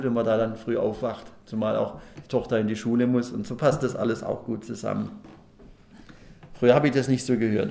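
Gravelly man preaching in an echoey hall. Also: mid-range voice, warm tone. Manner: folksy, asks the congregation questions. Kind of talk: sermon. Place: church hall at a lectern. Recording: echoey room.

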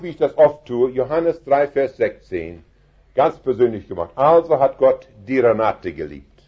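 A man preaching an evangelistic sermon, fervent and penetrating, dropping soft and then rising to loud emphatic cries. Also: mid-range voice, husky, lo-fi sound.

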